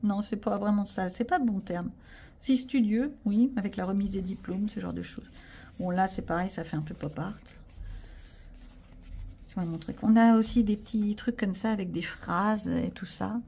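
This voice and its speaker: A woman's voice: medium pitch, normal speed, mellow, breathy edge. A woman with a French accent chatting casually to camera about her sticker and craft haul, self-mocking and full of fillers. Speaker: vlogger showing a craft haul.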